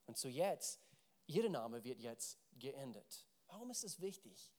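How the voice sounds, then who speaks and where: A man's voice: medium pitch, big pitch swings, a little slow, a little mellow. A man preaching a sermon. He speaks emphatically, often repeats words while searching for his phrasing, and puts questions directly to his listeners.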